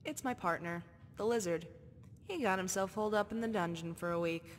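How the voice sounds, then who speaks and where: An actress voices a tough, guarded orphan girl who speaks in gruff, clipped, terse street talk at a fairly quick pace in a natural voice. It's game audio with soft background music, long reverb and a faint rumble.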